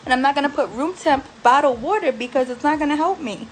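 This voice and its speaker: A woman's voice: high voice, animated, fast, slight background noise, poor audio. A young woman vlogging from a recovery house bedroom after surgery, venting bluntly and with swearing about her care, aggravated and worn. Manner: blunt, profane, exasperated venting. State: post-surgery, frustrated and aggravated. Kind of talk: venting to camera.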